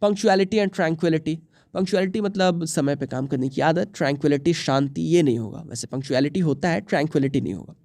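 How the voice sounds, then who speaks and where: A man's voice: fairly high pitch, brisk, darkish tone, no room sound, studio quality. Hindi-speaking male English teacher. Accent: Indian English. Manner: explains each option, mixing English terms into Hindi. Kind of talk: exam prep lesson.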